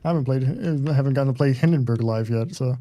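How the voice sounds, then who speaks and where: A man co-hosting a game livestream, talking casually in halting bursts with many pauses and restarts. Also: mid-range voice, dark tone, dry recording. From United States. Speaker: stream co-host. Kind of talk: casual chat while gaming.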